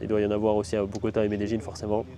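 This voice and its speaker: A man's voice: lowish voice, monotone, rapid-fire, warm tone. A young man telling a travel story in a casual, slangy, rambling way, full of fillers. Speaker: travel vlogger.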